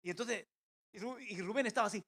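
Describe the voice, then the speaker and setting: A man preaching a sermon as pastor, swinging between loud emphatic calls and quiet intimate asides. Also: high-pitched, fast talker. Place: church.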